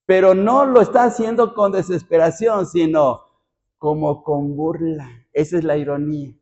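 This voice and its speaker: A man's voice: a little high, steady tone, moderate pace, darkish tone, muffled recording. A man preaching a Bible study sermon as pastor, asking the congregation rhetorical questions.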